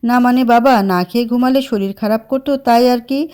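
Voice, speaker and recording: A woman's voice: a little high, moderate pace, mellow, close to an everyday voice. Woman doing a soothing middle-aged aunt.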